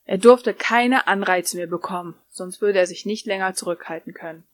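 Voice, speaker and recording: A woman reading a story aloud in an even, unhurried way. Her voice sits at a middle pitch for a woman, and she keeps to steady scripted narration. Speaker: story reader.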